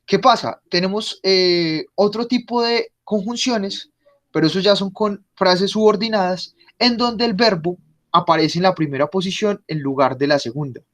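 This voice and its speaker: A man teaching an online language class, patiently repeating example sentences slowly. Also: high-pitched, a bit bright. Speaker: German teacher.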